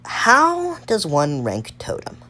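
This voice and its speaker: A woman's voice: lowish voice, wildly swooping pitch, slow pace, pushed and bright. A woman giving casual tier-list commentary on a card game, thinking aloud and rambling with fillers and restarts. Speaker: gaming video creator.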